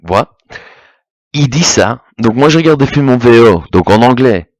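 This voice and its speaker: A man's voice: medium pitch, expressive, moderate pace, no room sound. A young man hosting a podcast, ranting casually about a film, stammering, repeating himself and swearing often. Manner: rambling, stammering, swears a lot. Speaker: podcast host.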